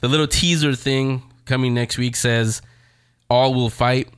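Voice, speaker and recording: A man's mid-range voice, clean in tone with fairly even intonation, comes a little slow in a dry, studio-quality recording. As host of a relaxed TV review chat, he rambles conversationally and talks directly to the audience.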